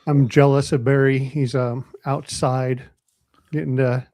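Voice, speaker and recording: A man's voice: mid-range voice, flat delivery, a little slow, a little mellow, dry recording. A man hosting a casual podcast chat, asking guests questions in a laid-back way over a video call. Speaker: podcast host.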